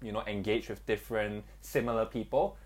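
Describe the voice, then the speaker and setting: A man's voice: fairly low pitch, fairly even intonation, fairly quick, darkish tone. Chatty young man co-hosting a podcast. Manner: chatty, many fillers and restarts. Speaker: podcast co-host. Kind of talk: casual podcast chat.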